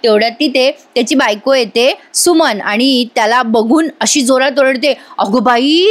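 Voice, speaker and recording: In a voice-over, a chatty woman reviewer walks through an episode of a TV serial, repeatedly speaking directly to her viewers. Her voice is high-pitched and her pace is moderate.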